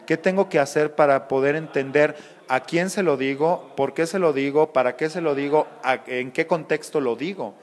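Man teaching, echoey room. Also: on the high side. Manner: didactic, measured, explains with examples. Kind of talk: explanatory interview answers.

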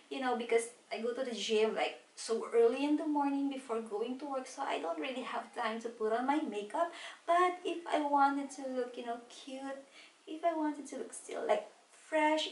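A woman's voice: sits high, reverberant, far from the mic, slight background noise. A woman in her thirties chatting through a makeup tutorial, explaining each product step by step from her desk at home. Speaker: beauty vlogger. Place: small home room at a desk.

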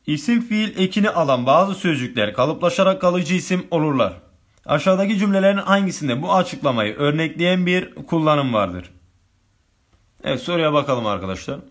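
A man's voice: on the high side, lively intonation, moderate pace. A male teacher running an online grammar lesson, reading exam questions aloud and working through each answer step by step with his students.

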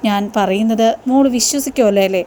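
A woman's voice: medium pitch, fairly quick, mellow, slight background noise, natural voice. A woman reading the lines of a kind elderly uncle who soothes and reassures. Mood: consoling.

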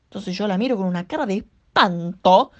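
A young woman with an Argentine accent performing a dramatic monologue in a slow, theatrical storytelling manner. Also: medium pitch, expressive, darkish tone, lo-fi sound. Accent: Argentine Spanish. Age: young adult. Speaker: acting student.

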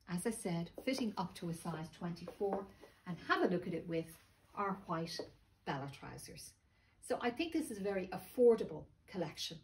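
A woman's voice: on the low side, rough recording. A middle-aged woman with a slightly thick, sore-throat voice, giving a casual sales presentation to camera. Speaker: boutique presenter. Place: small clothing boutique, indoors. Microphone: phone camera a few metres away. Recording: steady background shop noise, phone video.

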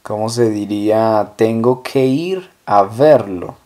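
A man's voice: on the low side, dark tone. A man teaching a language lesson, stating example phrases and then repeating them patiently. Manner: patient, drawn-out model words.

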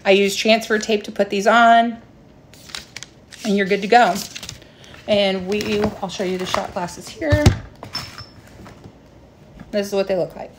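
This casual livestream tutorial features a young adult woman, a host and craft seller, explaining a craft step by step in an informal way. Her mid-range voice is a little slow with frequent pauses, and there's background noise; she's in a small room at home with her phone propped at arm's length.

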